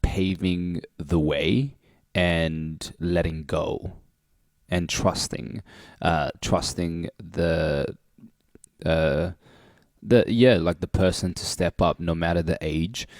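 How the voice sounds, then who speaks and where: A man's voice: sits low, fairly even intonation, takes it slowly, no echo, clean studio sound. A man speaking casually as a panellist in a livestream discussion. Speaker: youth arts panellist.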